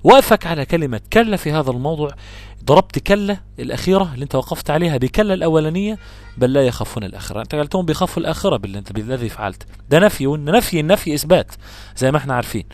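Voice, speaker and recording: A man with an Egyptian accent teaching a lesson on Quran recitation, explaining patiently, repeating his examples and chanting verses slowly. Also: fairly high pitch, lively intonation, no room sound. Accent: Egyptian Arabic.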